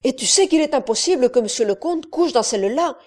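Give me a woman doing a blunt elderly housekeeper, insistent and curt, with a warm tone. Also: high voice, normal speed, voice pushed up. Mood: anxious, insistent. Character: elderly steward's wife, anxious, blunt. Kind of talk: audiobook character reading.

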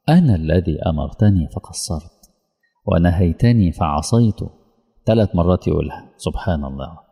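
A man's voice: lowish voice, warm tone. A man with an Egyptian Arabic accent delivering an emotional, pleading sermon as a preacher. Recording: long hall reverb.

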